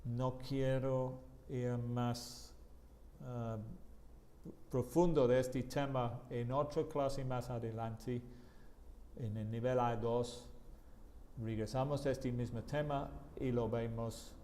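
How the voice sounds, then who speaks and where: Male English teacher, live online class, unhurried, mid pitch, bilingual delivery. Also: steady tone, dark tone. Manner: slow, switches between Spanish and English, calls on students by name.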